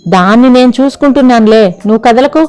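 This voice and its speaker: A woman's voice: mid-range voice, normal speed, a little mellow, soft background music, close to an everyday voice. A woman voicing a headstrong young daughter who talks in a petulant, teasing way, read in a storybook narration.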